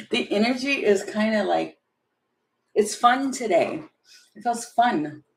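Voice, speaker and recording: Woman, tarot reader, live-stream reading, casual, thinking aloud, medium pitch. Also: expressive, slow, creaky, long pauses, reverberant. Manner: casual and chatty, thinking aloud, with small laughs. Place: home room with a heater running.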